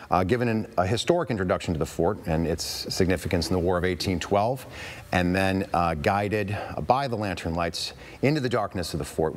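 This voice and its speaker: An American man in a TV interview as a historian guest, speaking deliberately and drawing out words for emphasis. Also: low voice, a little hiss or hum. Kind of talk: live TV interview.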